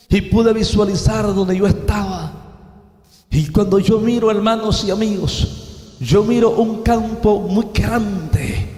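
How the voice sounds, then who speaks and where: A man's voice: high voice, vocal fry, a little mellow. A man evangelist, preaching a dramatic testimony and calling out to his brothers and friends. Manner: dramatic, addresses "hermanos y amigos". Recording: echoey hall.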